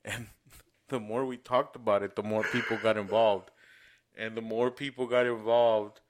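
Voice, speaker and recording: A man with a fairly low voice, chatting loosely on a podcast and swearing freely. He tells a story in a relaxed, unhurried way, breaking into laughs as he goes. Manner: laid-back storytelling, swears a lot, laughs often. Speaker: podcast co-host. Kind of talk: casual profane chat.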